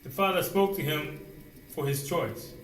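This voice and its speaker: A man preaching a sermon, asking rhetorical questions and dropping suddenly to a quiet voice. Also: fairly high pitch, unhurried, far from the mic, a little hiss or hum. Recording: roomy echo, voice away from the mic, faint ambience.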